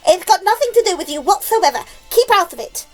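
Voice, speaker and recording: A very high, loud storybook aunt, acted out by a woman reader, greedy and excitable. She gushes in shrill exclamations, over light background music. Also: fairly quick. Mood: bossy. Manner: shrieking, gushing exclamations.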